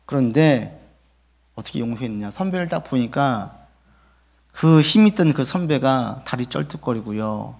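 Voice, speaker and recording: 거친 목소리의 설교하는 남자 목사. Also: male voice, on the high side, vocal fry, a little mellow. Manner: storytelling, acting out quoted voices, rhetorical questions. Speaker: pastor. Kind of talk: sermon. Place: church sanctuary.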